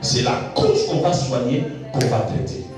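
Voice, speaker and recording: A man preaching a sermon. He repeats words for emphasis and swings from low asides to shouted high lines. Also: expressive, unhurried. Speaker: pastor. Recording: very echoey, distant from the mic, faint music.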